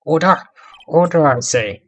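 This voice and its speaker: A man's voice: a little high, lively intonation, a little slow. A man doing a stern elderly game judge. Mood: formal. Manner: commanding courtroom pronouncements.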